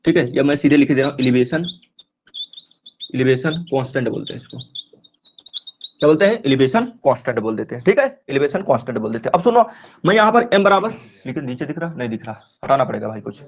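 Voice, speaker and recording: Chemistry teacher quizzing himself aloud. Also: male voice, mid-range voice, animated, fast, background noise. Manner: asks rhetorical questions and answers them himself; repeats key terms drawn out. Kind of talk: online class lecture. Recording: dull lo-fi recording.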